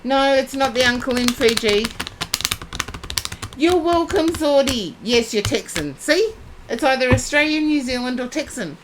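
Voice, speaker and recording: A woman's voice: sits high, moderate pace, few pauses, background noise. A woman giving psychic readings on a live stream, chatting and addressing viewers by name. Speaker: psychic reader.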